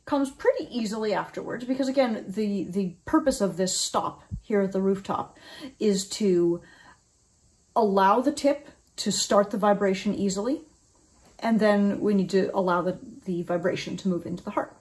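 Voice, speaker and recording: A woman's voice: mid-range voice, moderate pace, darkish tone. A woman in her forties teaching oboe reed making in a thoughtful, explanatory way with frequent ums, recorded in a small room at home. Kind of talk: instructional video.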